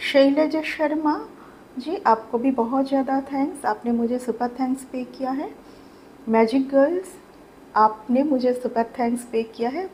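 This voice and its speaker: A woman's voice: on the high side, a little mellow, a little hiss or hum, low-quality recording. A woman giving a casual tarot reading to her viewers, chatty and repeating her phrases, mixing English words into Hindi. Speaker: tarot reader.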